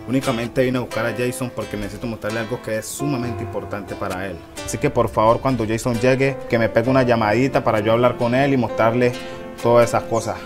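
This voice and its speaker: A man's voice: mid-range voice, natural voice. Man acting young reformed ex-thief, earnest, pleading, repeats himself, Colombian Pacific coast accent, music behind. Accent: Colombian Pacific coast Spanish. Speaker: actor in a web series. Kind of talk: amateur web drama acting.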